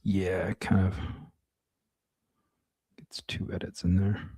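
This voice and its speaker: A man's voice: deep voice, level tone, takes it slowly, warm tone, slightly rough, dry recording. A man in his forties talking to himself and his chat while editing clips, rambling and joking. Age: 40s. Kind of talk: casual live-stream chat while editing.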